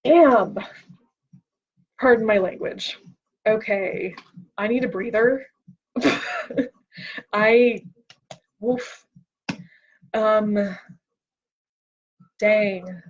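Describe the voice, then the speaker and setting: A woman hosting a casual livestream, reading philosophy aloud and chatting in a slow, self-deprecating way, a little tipsy. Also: medium pitch, fairly even intonation. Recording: dull lo-fi stream audio.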